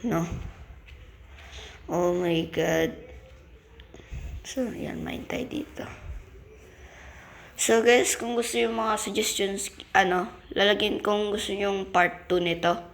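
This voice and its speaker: A man with a Filipino accent hosting a gaming channel, giving excitable casual commentary as he plays and exclaiming when things go wrong. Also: sits high, slow pace, vocal fry, long pauses, a little hiss or hum. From Philippines. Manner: excitable, yelps and exclaims while playing.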